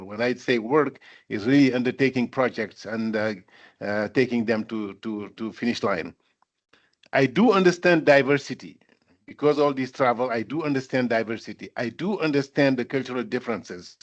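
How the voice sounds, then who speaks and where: An older man from Senegal speaks as guest speaker at a corporate event. His delivery is measured, full of fillers and repeated lines for emphasis. The voice sits at an ordinary pitch, and the recording sounds dull and lo-fi.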